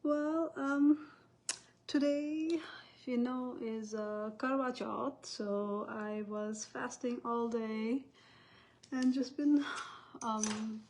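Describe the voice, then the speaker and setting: A woman's voice: fairly high pitch, steady tone, extremely slow, a little mellow. Woman in her thirties, hosting a casual live chat, rambling and talkative. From Nepal. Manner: chatty and rambling, often restarting sentences. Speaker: host.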